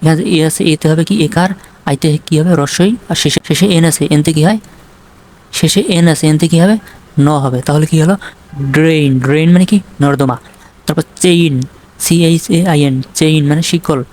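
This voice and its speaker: A teacher runs a video lesson on English spelling and sounds. Each point is put as a question and answered right away, then repeated as a drill. Quick "right?" checks keep the students following along. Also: mid-range voice, a little mellow, slight background noise. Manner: asks a question and answers it himself, drilling by repetition.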